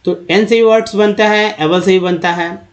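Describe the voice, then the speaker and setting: A man with an Indian accent teaching English reading, spelling words letter by letter and sounding them out slowly. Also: high-pitched, fairly even intonation. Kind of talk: Hindi-language lesson on reading English aloud.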